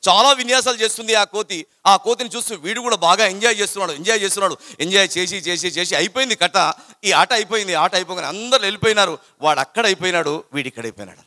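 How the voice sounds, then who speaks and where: A man giving an animated storytelling talk to students, repeating phrases and chanting verses. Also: sits high, quick pace, no room sound, studio quality. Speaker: motivational speaker to students.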